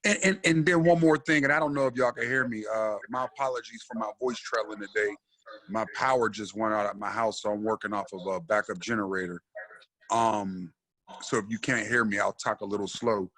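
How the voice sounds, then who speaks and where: Halting man on a call from home. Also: fairly low pitch, fairly even intonation, fairly bright tone, poor audio. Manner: halting, repeats words often. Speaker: panelist. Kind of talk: casual panel discussion. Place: at home on backup generator power.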